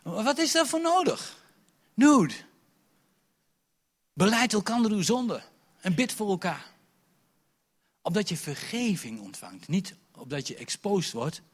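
A man preaching an Easter sermon, swinging between loud bursts and hushed asides, acting out quoted dialogue in character voices. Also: high voice, very animated, normal speed, husky. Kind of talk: lively Easter sermon with personal story.

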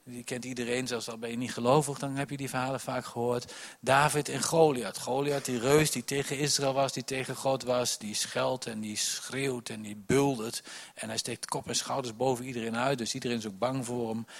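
A man preaching a sermon, telling Bible stories with many restarts, dropping to soft asides and rising to loud emphasis. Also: mid-range voice, level tone, moderate pace.

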